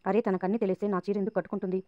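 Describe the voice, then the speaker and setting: A woman's voice: mid-range voice, little pitch movement, rapid-fire, dry recording, muffled recording, lightly acted. A woman narrator reading the lines of an earnest young wife defending her sister.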